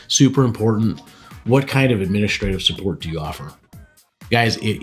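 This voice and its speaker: A man speaking to camera as a real estate team leader, giving practical advice in a conversational way and often checking in with "all right" and "right". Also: on the low side.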